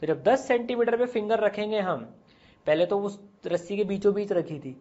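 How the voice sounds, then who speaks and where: A man's voice: sits high, darkish tone. A male physics teacher, explaining step by step and asking and answering his own questions. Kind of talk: classroom physics lesson. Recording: slightly dull lo-fi sound.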